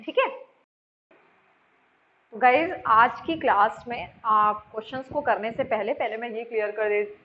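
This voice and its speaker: A woman's voice: a little high, a little hiss or hum. A woman teacher explaining grammar in a lesson, repeating points and quizzing her students with questions. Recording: dull lo-fi sound.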